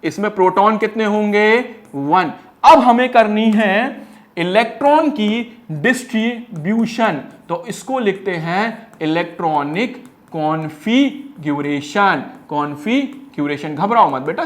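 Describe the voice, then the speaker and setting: A man teaching an energetic one-shot lesson in a playful, teasing way. He fires quiz questions, answers them himself and stretches phrases into a singsong. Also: high-pitched. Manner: drags words out in a singsong way.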